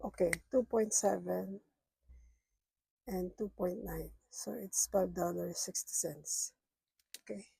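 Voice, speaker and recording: A woman's voice: on the low side, takes it slowly, creaky, mellow, husky, dry recording, poor audio. A middle-aged woman who is sick, vlogging about her budget and murmuring as she counts cash aloud, half to herself. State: sick, rough voice. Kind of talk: casual counting-along vlog.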